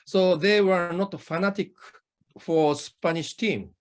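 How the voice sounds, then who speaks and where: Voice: medium pitch, slow pace. An interview host, a native Japanese speaker with a Japanese accent, talking in a conversational style.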